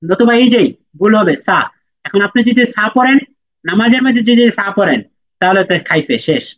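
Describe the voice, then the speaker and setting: A high-voiced man teaches Quran letter sounds in an online lesson, animated and at a moderate pace. He patiently repeats each sound so students can echo it, recorded with a dry, dull lo-fi sound.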